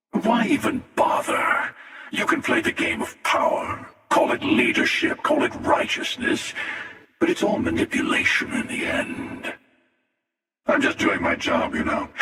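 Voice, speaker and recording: An actor playing a menacing, arrogant, world-weary hunter villain in a video game, with a gravelly voice and a deliberate, sardonic delivery. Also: male voice, very high-pitched, bright, forceful tone, full character voice. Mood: dismissive, then dry, sardonic. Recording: echoey, long reverb, distant.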